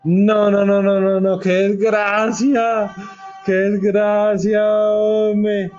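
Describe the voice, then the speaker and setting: A man voicing a weeping, ruined middle-aged man in a bar, with a high wailing lament. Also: level tone, extremely slow, a little mellow, faint music behind. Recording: dull lo-fi sound.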